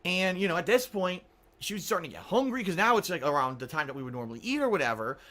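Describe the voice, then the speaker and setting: A man's voice: sits high, animated, quick pace, pushed and bright. A man telling an exasperated, sarcastic story as a vlogger, swearing and acting out the people he quotes. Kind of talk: angry storytelling rant.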